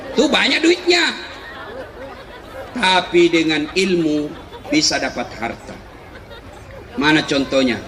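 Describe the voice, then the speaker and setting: A middle-aged man preaching a comic sermon, animated, often shouting and laughing through his punchlines. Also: on the high side. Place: large hall with a live audience. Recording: echoey hall, faint crowd and noise.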